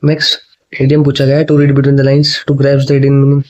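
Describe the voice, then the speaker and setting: Speaking Hindi, a man works through exam questions with his students in a chatty way, checking in with them often, repeating "ठीक है" and reading the options slowly. His mid-range voice is monotone and somewhat dark, and the recording has a dull, lo-fi quality.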